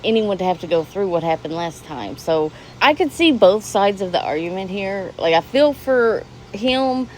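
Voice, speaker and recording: A woman giving sarcastic, mocking reaction commentary on a clip, talking in a deadpan way. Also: mid-range voice, normal speed, hardly any pauses, slight background noise, poor audio. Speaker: commentary host.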